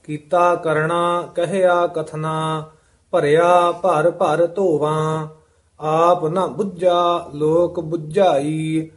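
A man reciting scripture verses in a steady sing-song chant as a student in a lesson. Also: a little high, extremely slow.

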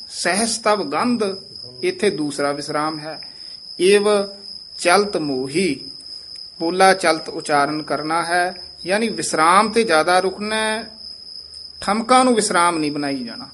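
A man teaching how to pronounce scripture, who says each phrase slowly and then explains the correction. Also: sits high, a bit bright, slight background noise. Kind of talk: pronunciation lesson.

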